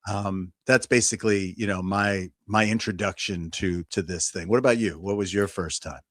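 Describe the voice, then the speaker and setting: A man's voice: low-pitched, steady tone, normal speed, a bit bright, dry recording, studio quality. A middle-aged man co-hosting a podcast, reminiscing in casual chat, full of "you know" and "like". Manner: rambling, heavy use of "you know" and "like". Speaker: podcast co-host.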